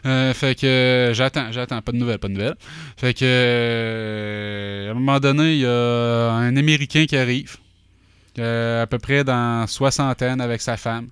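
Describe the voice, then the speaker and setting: A middle-aged man with a Québécois accent tells a rambling story in an animated, offhand way, packing it with fillers and quick asides. His voice is smooth and clear, recorded close and dry with no room sound. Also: mid-range voice, no echo. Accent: Québécois French. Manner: animated anecdote-telling with many fillers and asides. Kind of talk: casual chat.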